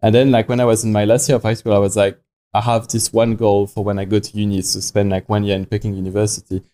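A young French man with a low, mellow voice chats casually as a podcast guest and founder of a watch company. He tells stories informally at a quick pace with a level tone, often quoting himself within his anecdotes.

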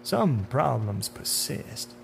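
A man performs dramatic horror audiobook acting as a menacing, taunting, smooth-talking bringer of death in a dark suit, posing sneering, deliberate, theatrical questions. His exaggerated, creaky mid-range voice swings widely in pitch, smug and menacing. Hum runs under the recording.

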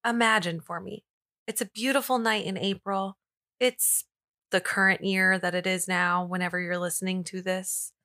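A woman's voice: mid-range voice, fairly even intonation, moderate pace, bright, forceful tone. A woman co-hosting a podcast, chatting casually and telling stories in an informal, playful way with slang. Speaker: podcast co-host. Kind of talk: casual podcast chat and storytelling.

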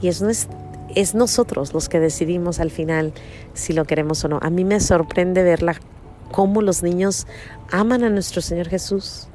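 Earnest mother's lower-toned testimony. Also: normal speed, dark tone. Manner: earnest, repetitive, with frequent tag questions. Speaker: mother telling a faith testimony. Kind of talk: personal religious testimony. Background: faint music.

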